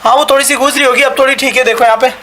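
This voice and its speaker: A man with a high, bright, forceful voice teaches a live online class, drilling each point over and over and cheering his students on. He sounds some way from the mic in a roomy, echoing space, with faint noise behind him. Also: steady tone, very fast. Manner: repetitive, drilling questions and answering them himself; encouraging, praising students often. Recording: echoey room, mic at a distance.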